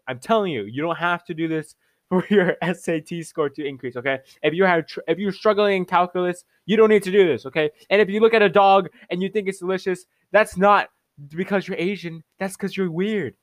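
A young man giving casual reaction commentary, excitable and mocking, often laughing and jumping up in pitch in disbelief. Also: fairly quick, dry recording. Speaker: online commentator.

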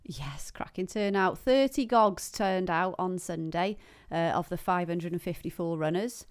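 A woman, a running coach being interviewed on a podcast, speaking in a measured, informative way with frequent "um" fillers. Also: on the low side, clean tone.

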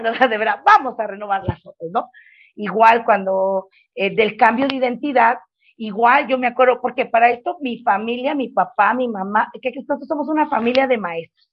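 Husky woman telling her story. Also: on the high side. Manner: earnest and emotional, talks in loops with many fillers. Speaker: mother sharing her testimony. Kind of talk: heartfelt personal storytelling. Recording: dull lo-fi sound.

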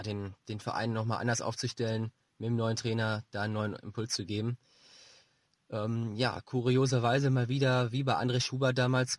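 A man with a mid-pitched voice gives measured football analysis in a very dry recording. He explains his points as a pundit would, feeling his way through phrases and repeating words. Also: dry recording.

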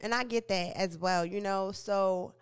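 A young woman talks through celebrity news in a relaxed, opinionated way, as a podcast and radio host would. Her voice is smooth and clear, sitting at a middle pitch. She trips over words and fixes them as she goes. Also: a little slow. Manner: chatty, opinionated, frequent self-corrections and stumbles. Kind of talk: casual entertainment news commentary.

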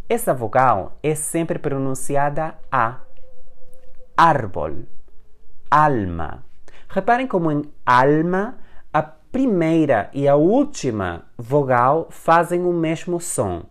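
A man teaching a language lesson, explaining patiently and repeating example words slowly and clearly. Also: a little high. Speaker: Spanish teacher.

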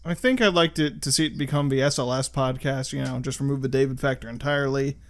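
A man's voice: medium pitch, quick pace. A young man co-hosting a podcast, teasing and joking crudely in casual chat. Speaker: podcast co-host.

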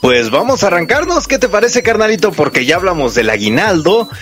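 A man's voice: high voice, sing-song, brisk, a bit bright, faint music behind. A Mexican man chatting casually in slang as a call-in co-host on a radio show.

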